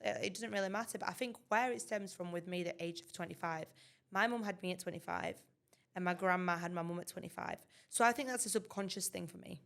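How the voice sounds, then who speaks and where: A woman's voice: on the low side, fast talker, vocal fry, a bit bright. A woman, co-hosting a podcast in a chatty way and laughing often. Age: 20s. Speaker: podcast co-host. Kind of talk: casual chat.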